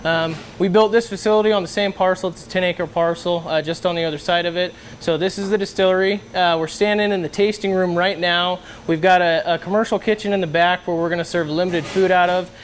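A man's voice: high voice, fairly even intonation, fairly quick, hardly any pauses. A man explaining his business in a casual interview, speaking as a farmer and owner. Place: on location in a distillery tasting room. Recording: background noise on location.

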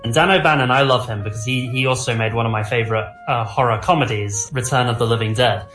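A man talking casually about films with rambling, animated enthusiasm, as a host does. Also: mid-range voice, quick pace, roomy sound, faint music behind. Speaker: film discussion host. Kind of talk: casual enthusiastic film chat.

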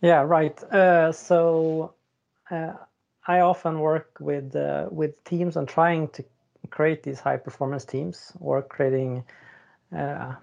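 A man's voice: on the high side, steady tone, takes it slowly, vocal fry, darkish tone. A man in his forties, a leadership coach from Sweden, talking hesitantly with many fillers. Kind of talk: casual podcast chat. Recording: dull lo-fi remote audio.

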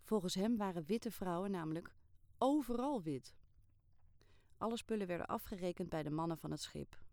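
A woman reading a first-person story aloud in a calm, steady way, with lively bursts in the dialogue. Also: on the low side, fast talker, no echo, clean studio sound. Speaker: narrator.

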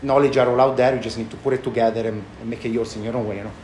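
A restaurant owner and chef from Italy answers casual interview questions with a thick Italian accent, halting and using non-native phrasing. His medium-pitched voice is steady and darkish, and there's background noise in the echoey room.

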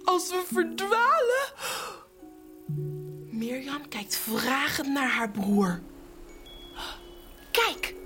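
Woman storyteller, high lively voice, slow unhurried pace, soft music underneath. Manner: lively, animated voices for characters, hushed whispers. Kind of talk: children's Bible story narration.

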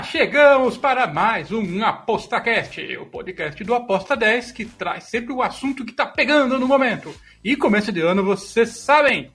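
High-voiced Brazilian man hosting a podcast. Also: a bit bright, slightly rough. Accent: Brazilian Portuguese. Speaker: podcast host. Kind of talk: casual betting podcast talk.

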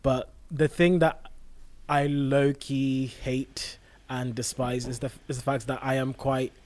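A young man from southern England talks in a casual podcast discussion, well-spoken with a modern Received Pronunciation accent; he's a medical student. His voice sits in the mid range with little pitch movement, a slow pace, and a darkish tone.

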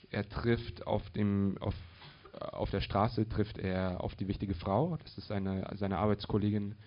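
Low-voiced man reading his story. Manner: halting, casual introduction with restarts. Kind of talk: live reading of a short story. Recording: dull lo-fi recording.

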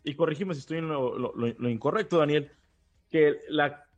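A man's voice: on the high side, normal speed, lo-fi sound. A man from Baja California with a northern Mexican accent, talking casually as a podcast co-host. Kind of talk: casual conversational discussion.

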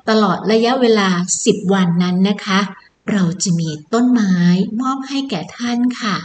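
Female event announcer, polite and inviting, repeats key details, roomy echo with faint noise. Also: on the high side. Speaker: presenter announcing a public event. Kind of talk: promotional announcement, semi-scripted.

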